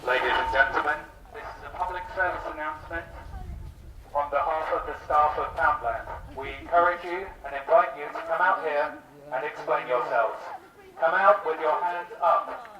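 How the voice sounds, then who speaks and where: A man's voice: on the high side, normal speed, far from the mic, a crowd in the background. Man through a megaphone, commanding. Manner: mock police announcement, commanding. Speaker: street protester. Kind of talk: public speech to passers-by. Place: outdoors on a shopping street. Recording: dull, echoey street recording.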